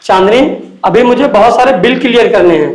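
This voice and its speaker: A man's voice: high voice, roomy sound, natural voice, rough recording. A man playing a busy, dismissive husband who is focused on his work. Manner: dismissive, hurried.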